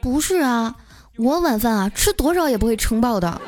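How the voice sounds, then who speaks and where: A woman's voice: a little high, expressive, normal speed, over music, close to an everyday voice. Woman doing a whiny young guy. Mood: teasing. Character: young male coworker, whiny and teasing.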